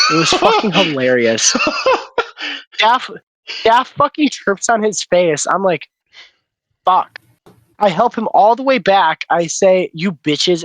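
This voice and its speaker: A man's voice: fairly high pitch, a bit bright, low-quality recording. A young man in casual chat, telling a crude, boastful story into his phone. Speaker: chat participant.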